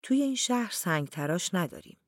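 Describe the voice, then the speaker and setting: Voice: mid-range voice, sing-song, no echo, clean studio sound, voice pushed up, natural voice. Narrator doing a curt, commanding townsman. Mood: brusque.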